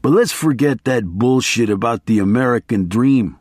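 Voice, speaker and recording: A man voicing a manic, excitable male attorney who shouts and raves, in an audiobook reading. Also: mid-range voice, normal speed, dry recording, studio quality, natural voice. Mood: scheming. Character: manic adult male attorney, frantic and raving.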